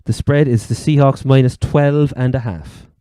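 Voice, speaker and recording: A man's voice: medium pitch, fairly even intonation, normal speed, warm tone, clean tone, no echo, studio quality. A man with an Irish accent from Cork, hosting a casual sports chat. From Ireland. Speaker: sports podcast host.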